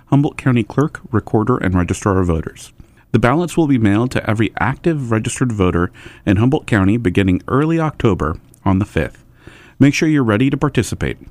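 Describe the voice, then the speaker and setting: Animated man reading a dry-sounding public announcement. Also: medium pitch, no echo. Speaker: county election official. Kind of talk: scripted public service announcement.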